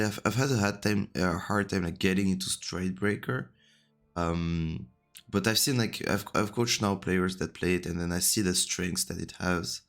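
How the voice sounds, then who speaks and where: A man coaching a player over a call. He has just woken up and talks quietly into a close mic, rambling with many fillers. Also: low-pitched, gravelly. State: just woke up. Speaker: game coach. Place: home room at night.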